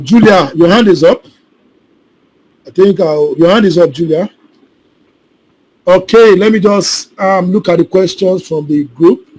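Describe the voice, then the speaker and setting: On a video call, a male solar installation trainer with a higher-pitched, darkish voice answers questions during a live online class. He repeats himself and keeps checking that students are following along. The recording quality is rough.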